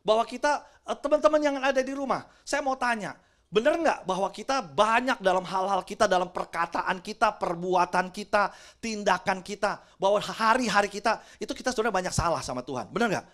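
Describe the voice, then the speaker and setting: Man, middle-aged, high-pitched, preaching in church, casual, mixes in English, keeps asking the crowd "right?". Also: expressive, brisk, fairly bright tone. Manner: chatty, drops English words into his talk. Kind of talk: lively youth sermon. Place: church with a congregation, also livestreamed.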